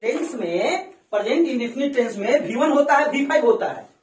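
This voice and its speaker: A woman teaches grammar to a class, her voice pitched high. She keeps quizzing the students and has them repeat after her. The recording is distant and roomy, from a far camera in the classroom. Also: animated, a little fast, darkish tone, a little hiss or hum. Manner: questioning students, call-and-response drilling. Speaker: English teacher. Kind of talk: classroom lesson.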